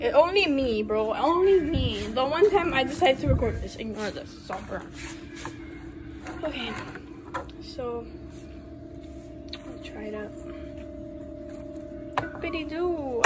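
A woman's voice: high voice, rough recording. A teenage girl vlogging casually in her home kitchen, rambling and chatty with lots of fillers, filmed on a handheld phone. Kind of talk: casual cooking vlog. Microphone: handheld phone camera. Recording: loud appliance noise behind.

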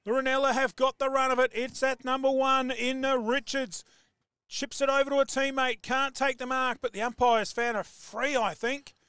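An Australian man calling live football play-by-play, excitable and rising to shouts on big plays. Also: very high-pitched, moderate pace, smooth, dry recording, clean studio sound. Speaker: football commentator.

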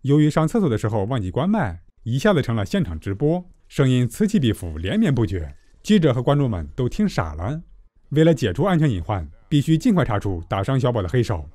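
A man giving a scripted, comedic movie recap narration with tongue-in-cheek, deadpan joking. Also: medium pitch, brisk, no echo.

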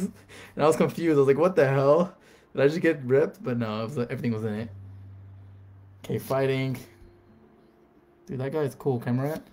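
A man's voice: medium pitch, slight background noise. A man chatting casually on a live stream, reading out card names and talking to viewers.

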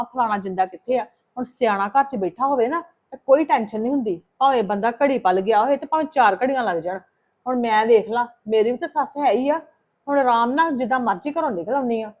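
A woman's voice: on the high side, highs cut off. A woman playing a visiting sister in a scripted family drama, talking in an earnest, advising way.

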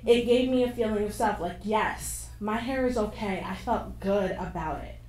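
A woman's voice: mid-range voice, moderate pace. Young woman speaking frankly from a stage. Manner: frank, animated storytelling with bursts of laughter. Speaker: panelist. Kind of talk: candid personal story at a panel discussion. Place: stage of a screening room with an audience. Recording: echoey hall from far off, faint noise.

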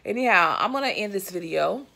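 A woman in her thirties sits on her living room couch and talks to her viewers in emphatic, chatty commentary full of fillers and asides. Her mid-range voice is animated, brisk, gravelly, pushed and bright. She's a vlogger, recorded on a phone or webcam held at arm's length.

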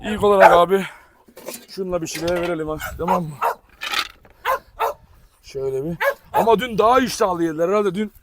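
A man's voice: sits high, brisk, long pauses, heavy background noise. A man vlogging while he feeds his dogs, talking fondly to them and chatting to viewers between. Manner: affectionate coaxing talk to dogs, addresses viewers. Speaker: dog owner vlogger. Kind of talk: casual vlog while feeding dogs.

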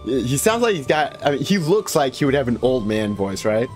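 A man's voice: mid-range voice, big pitch swings, moderate pace, faint music behind. Male streamer, casual gamer talk, self-mocking. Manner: chatty, self-mocking asides. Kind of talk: casual game commentary.

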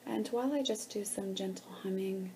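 A woman leads a guided meditation, her medium-pitched voice gentle, hushed, and soothing, with pauses between phrases. There is slight background noise.

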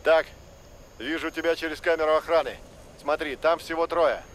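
A man's voice: fairly high pitch, steady tone, slight background noise. An actor playing a male ally who gives urgent orders over a helmet radio in a video game. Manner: urgent, giving quick orders. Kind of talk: video game voice acting, dubbed.

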